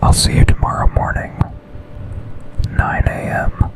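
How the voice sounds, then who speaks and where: In a hushed, intimate ASMR boyfriend roleplay, a man plays an office boss who is intense and possessive but also tender. He speaks breathily in short, deliberate phrases, sounding quietly commanding in a natural voice.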